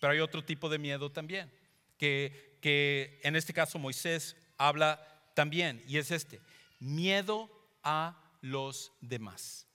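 A male pastor delivers a sermon with an emphatic manner. He repeats key phrases and slows down to stress them. His voice sits a little high and sounds bright and sharp, and a long hall reverb trails behind him. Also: flat delivery, smooth. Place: church hall. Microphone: handheld or stand microphone.

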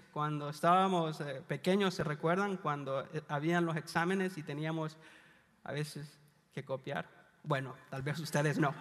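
Male pastor from El Salvador, high register; chatty, confiding sermon delivery; long hall reverb. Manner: conversational, confiding, with light humor. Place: church hall.

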